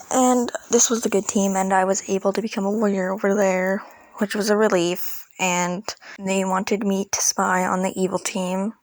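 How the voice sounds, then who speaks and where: This storytelling creator's voice sits on the low side, with no room sound, as she rambles informally through a tale about an online roleplay game. She talks in casual, youthful slang.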